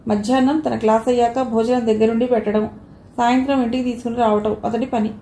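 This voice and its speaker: A woman narrating an audio novel in calm, steady scripted storytelling. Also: on the high side. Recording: roomy echo, faint background hiss.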